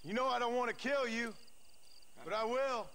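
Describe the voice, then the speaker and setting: An actor playing a determined, grim ex-outlaw gunslinger in a western game, dry and defiant, with an American accent. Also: male voice, very high-pitched, normal speed, a little hiss or hum. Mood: grim, urgent. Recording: loud music and effects behind.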